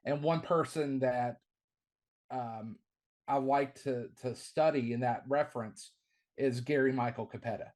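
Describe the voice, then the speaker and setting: In a relaxed podcast interview, a middle-aged wrestling commentator and ring announcer talks with eager enthusiasm, often repeating words as he launches into a phrase. His medium-pitched voice isn't deep but projects well, with a slightly slow pace and a somewhat dark tone.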